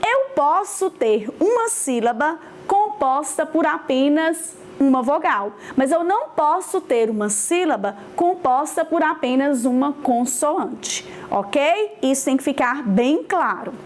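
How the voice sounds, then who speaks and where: A woman's voice: high-pitched, animated, slow pace, a little hiss or hum. A woman teaching grammar, explaining step by step, repeating key points and checking in with the class. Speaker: Portuguese teacher. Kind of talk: online grammar lesson.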